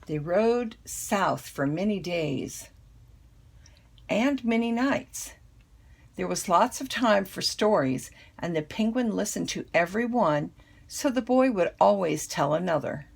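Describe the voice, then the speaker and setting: An older woman, a grandmother with a husky, creaky voice, reading a children's picture book aloud. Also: mid-range voice, expressive, slow. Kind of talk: children's storybook read-aloud.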